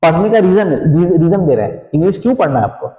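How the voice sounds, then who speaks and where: A man's voice: sits high, very animated, fast, warm tone. Man lecturing in an echoey classroom. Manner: explains in Hinglish with frequent "theek hai" check-ins and rhetorical questions. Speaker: teacher. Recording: echoey classroom, long reverb.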